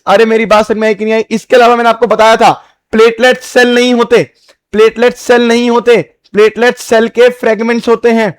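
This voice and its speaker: High-voiced man teaching biology. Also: no room sound. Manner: repeats key points, asks rhetorical check questions, calls students "beta". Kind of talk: classroom lecture, drawing on a board.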